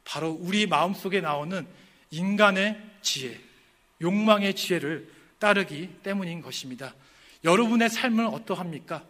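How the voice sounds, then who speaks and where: A man preaching a sermon as pastor, asking the congregation rhetorical questions, building to emphatic peaks and then dropping low, slowing down to spell out lists of virtues. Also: animated, fairly bright tone.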